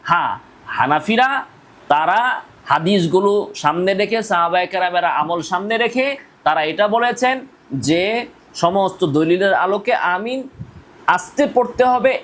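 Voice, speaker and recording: High-voiced argumentative male Islamic preacher. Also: fairly bright tone, poor audio. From Bangladesh. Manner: argumentative, rhetorical questions, repetitive emphasis. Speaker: Islamic scholar. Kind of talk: polemical religious lecture.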